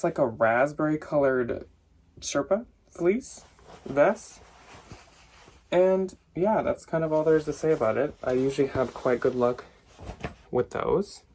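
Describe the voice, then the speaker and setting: Chatty young man showing a thrift haul. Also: mid-range voice. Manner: chatty, lots of "like", loses track and laughs at himself. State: a bit out of breath. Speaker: thrift reseller vlogger. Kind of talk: casual haul talk to camera.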